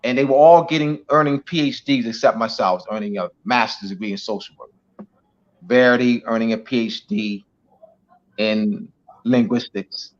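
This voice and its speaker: A man's voice: mid-range voice, normal speed. A man speaking as a guest speaker in a teaching talk, emphatic and repetitive, with many "you know"s. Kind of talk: teaching talk on an online show. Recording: dull lo-fi audio.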